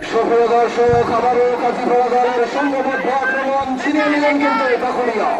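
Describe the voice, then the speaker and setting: A man's voice: very high voice, flat delivery, a little fast, lo-fi sound, very noisy. A man giving live play-by-play football commentary in a declamatory way, repeating players' names and phrases. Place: outdoor football ground. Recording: echoey distant PA, loud crowd.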